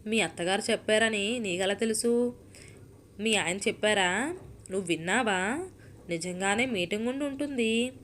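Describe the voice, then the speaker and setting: A woman voicing a patient, puzzled woman friend who keeps asking gentle questions, in a storybook reading. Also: mid-range voice, normal speed, long pauses, slight background noise, lightly acted. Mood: exasperated.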